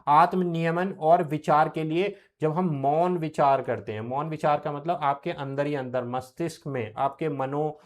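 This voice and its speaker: A man's voice: fairly high pitch, a little slow, few pauses. A young man giving an exam-prep lecture, who repeats key terms and asks questions that he answers himself. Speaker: teacher.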